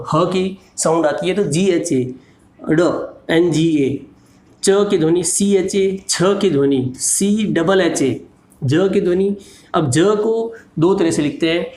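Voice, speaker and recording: A man teaching with a slow, patient delivery, spelling letters out one at a time. His voice sits a little high, and the room around him echoes. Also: darkish tone. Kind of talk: slow explanatory lesson.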